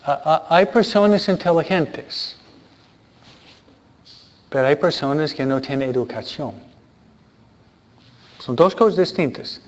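A priest and teacher speaks informally to a congregation, his voice sitting a little high for a man. He halts, repeats words and keeps checking in with questioning tags. The recording sounds muffled and lo-fi. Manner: halting, restarts words, frequent questioning tags. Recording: dull lo-fi recording.

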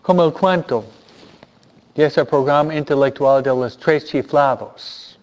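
A man preaching a sermon, animated and repeating phrases for emphasis. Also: a little high, measured pace, lo-fi sound.

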